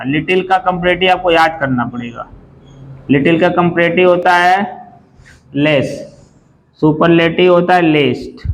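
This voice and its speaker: A man teaching an English grammar lesson to a class. He explains slowly, spells words out letter by letter and often asks the class questions. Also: on the high side, a little hiss or hum, rough recording.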